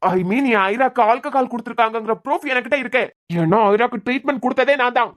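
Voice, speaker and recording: A woman's voice: on the high side, quick pace, close to an everyday voice. A woman with a Kanyakumari Tamil accent voicing a stern young male doctor who scolds and interrogates in a cartoon. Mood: pressing. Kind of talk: cartoon voice acting.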